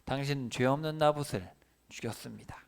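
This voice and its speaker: A man's voice: medium pitch, a little fast, creaky, natural voice. A man voicing a stern male prophet who solemnly pronounces doom on a king, in a children's Bible lesson.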